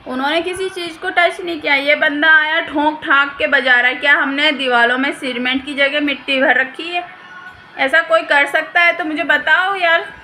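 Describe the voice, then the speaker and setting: High bright-voiced woman venting at home. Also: a little hiss or hum. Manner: venting, heated and emphatic. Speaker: vlogger. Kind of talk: casual chat to camera. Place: her own house, indoors.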